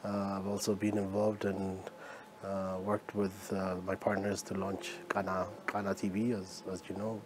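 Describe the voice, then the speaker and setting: A man's voice: deep voice, completely flat delivery, normal speed, background noise. A man from Ethiopia, an entrepreneur guest, answering interview questions in a matter-of-fact way with frequent fillers.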